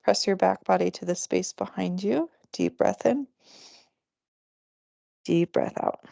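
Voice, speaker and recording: A woman teaching a restorative yoga class, calmly counting breaths and giving relaxed, chatty cues. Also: fairly low pitch, moderate pace, gravelly.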